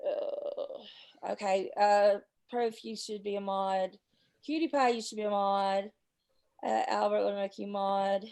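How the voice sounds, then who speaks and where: A woman's voice: mid-range voice, fairly even intonation, unhurried, a little mellow. A woman hosting a livestream, talking in a heated, profane, rambling way, stuffy with a cold and a sore throat. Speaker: livestream host. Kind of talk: casual chat and angry rant.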